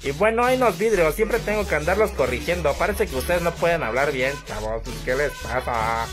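A woman's voice: deep voice, animated, fairly quick, over music. A woman doing a brash barrio girl. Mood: brash, rowdy. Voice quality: brassy, loud, slangy. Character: brash working-class barrio girl, loud and crude. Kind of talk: comedy sketch.

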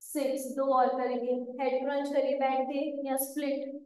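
A woman's voice: high voice, level tone, moderate pace, darkish tone, roomy sound, slight background noise, rough recording. A woman leading a live workout class, counting reps aloud, calling out exercises and correcting participants by name. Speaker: fitness instructor.

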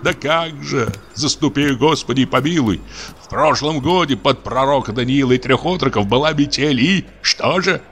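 A man's voice: mid-range voice, normal speed, fairly bright tone, a little hiss or hum, voice pushed up, close to an everyday voice. A man voicing a frightened, superstitious village deacon who grumbles and rants tearfully. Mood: ranting. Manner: grumbling, accusing, tearful muttering.

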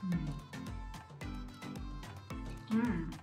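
A woman's voice: on the low side, drawn-out words. A young woman from Finland, chatty and enthusiastic, talking with her mouth full while chewing during a casual taste test. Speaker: vlogger. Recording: echoey room with music behind.

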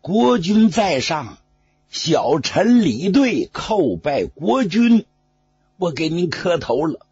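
A storyteller voicing a stubborn male officer who turns slow and deferential before his ruler, with a raspy voice. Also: on the high side, sing-song, a little mellow, pitched above the performer's own voice, exaggerated voice. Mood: humble. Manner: drawn-out, deferential pleading. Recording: dull lo-fi recording.

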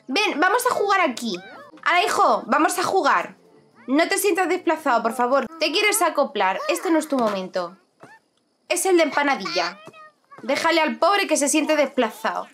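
A young woman with an accent from Spain, giving lively, exclaiming commentary on a life-sim game to her viewers. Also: sits high, a little hiss or hum. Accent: Spanish from Spain. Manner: expressive, exclaiming, talks to her audience. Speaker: gaming streamer. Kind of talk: gaming commentary.

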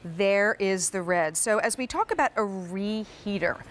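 An American woman, middle-aged, presenting a chatty sales pitch as a home shopping host. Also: unhurried. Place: kitchen set in a TV studio.

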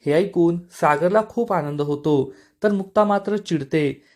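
A man giving a scripted narration that recaps a TV serial episode, telling it in a steady storytelling way. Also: fairly high pitch, a little slow.

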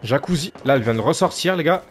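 A man commenting on his own gameplay in a casual, animated way, his slightly high voice swinging up and down as he grumbles at his teammates. He sounds exasperated and talks straight to his viewers. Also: fast, slight background noise. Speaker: gaming video creator. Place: home gaming setup.

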